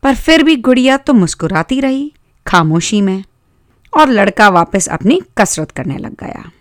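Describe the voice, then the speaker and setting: A woman telling a children's story in a gentle, measured narration. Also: mid-range voice, big pitch swings, no echo, clean studio sound. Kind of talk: scripted narration.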